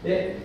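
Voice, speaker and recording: An umrah guidance teacher with a high voice gives religious instruction to a group of pilgrims, staying lively as he quizzes and jokes with them and leads their chants. The recording is distant, echoey and dull, with noise.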